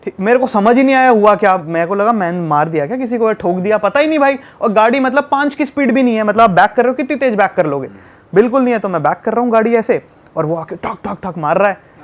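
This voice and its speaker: A young man from tells a story in a casual chat. His voice sits high for a man, and he talks in an animated, emphatic way, repeating words for effect. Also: fast talker. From Delhi. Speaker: podcast guest.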